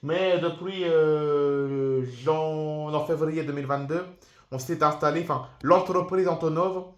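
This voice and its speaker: A man's voice: on the high side, steady tone, measured pace, dull audio, natural voice. A man puts on a friendly, rambling company boss with a Ukrainian accent for a homemade toy-figure film. He talks in a slightly raised, roomy-sounding voice, full of hesitations and loose asides. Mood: explaining. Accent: Ukrainian, put on. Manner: easygoing, rambling, many fillers. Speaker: company director. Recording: roomy echo.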